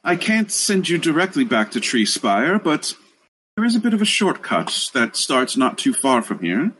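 A warm, serene earth goddess played by a male game master, gracious and benevolent in a tabletop fantasy game. The pitch swings expressively, with faint to clear noise behind the voice. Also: very animated, moderate pace, poor audio.

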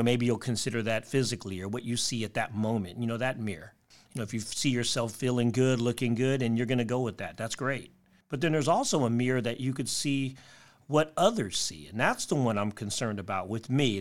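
A man hosting a motivational podcast, speaking directly to the listener in an upbeat, encouraging way and laying out tidy advice. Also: medium pitch.

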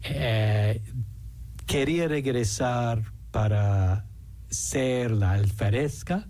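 Halting, mellow American man speaking accented Spanish. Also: mid-range voice. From New York City, United States. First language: English. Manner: halting, searching for words. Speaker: radio interview guest. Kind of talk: conversational interview in Spanish.

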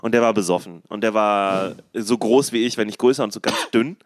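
A man co-hosting a podcast, telling stories in animated, casual banter. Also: on the low side, no echo, clean studio sound. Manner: fast storytelling, animated, swears. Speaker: podcast co-host.

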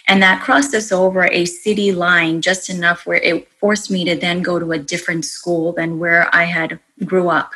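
A bubbly woman from Colombia, raised in Rhode Island, tells her story as a podcast guest. Her voice is bright and forward, set a little low in pitch, and her tone is relaxed and reflective. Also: moderate pace, hardly any pauses, husky, low-quality recording. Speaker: life coach, podcast guest. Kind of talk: casual interview chat.

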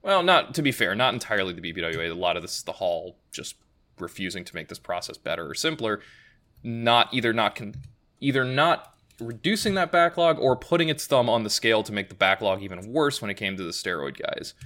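A man's voice: lowish voice, very animated, fairly quick, bright, forceful tone. A man co-hosting a casual podcast, talking in long, rambling thoughts with frequent self-corrections and wry asides. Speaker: podcast co-host. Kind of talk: casual chat.

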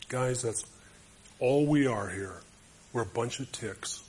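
A man's voice: medium pitch, slow pace, a little hiss or hum. A man preaching a sermon to a group of men, emphatic and storytelling. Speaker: speaker to men.

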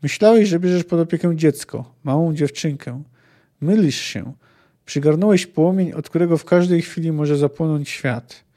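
A man reading the lines of a secretive, persuasive sorceress from a fantasy novel in an even, measured way. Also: a little high, natural voice. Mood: ominous. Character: cold, secretive sorceress woman, firm and persuasive.

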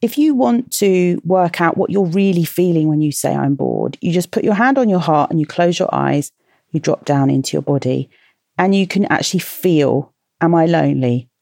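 A woman's voice: lowish voice, normal speed, dark tone, dry recording, clean studio sound. A woman with a British accent hosting a children's podcast, talking in a playful, chatty way and asking her young listeners questions. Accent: British English. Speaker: children's podcast host and author. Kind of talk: casual talk to children.

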